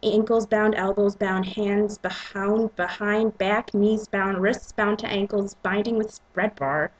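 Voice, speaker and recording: Female narrator, breathy and husky, dramatic reading of romance fiction. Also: mid-range voice, fairly even intonation, a little slow, muffled recording. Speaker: reader and narrator.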